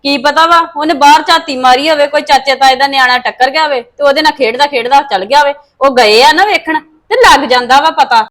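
A woman playing a high-voiced defensive young wife. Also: fairly quick, few pauses, a bit bright. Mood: reassuring. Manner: defensive, pleading. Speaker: actor in a family drama. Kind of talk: amateur family drama acting.

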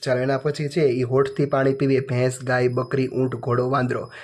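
A man goes through a children's workbook answer by answer. His voice stays in a narrow, even band, reading off lists of words one after another. It sounds like a patient teacher walking pupils through their exercises. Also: medium pitch, moderate pace. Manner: reads answers in a flat, list-like way.

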